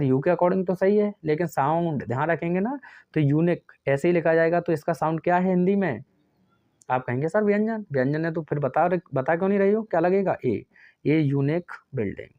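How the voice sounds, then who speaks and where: A man teaching a grammar class, his voice sitting somewhat high. He keeps asking questions and answering them himself, and he slows right down to dictate example sentences. The recording is dull and lo-fi, with a dry, close sound. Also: dry recording. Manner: asks questions and answers them himself, calls students friends; dictates English sentences very slowly.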